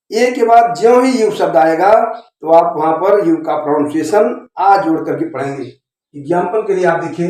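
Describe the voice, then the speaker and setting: Guy teaching grammar, high voice, keeps asking if you get it, super echoey room. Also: darkish tone. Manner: repetitive, checks understanding often. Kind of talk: classroom-style video lecture.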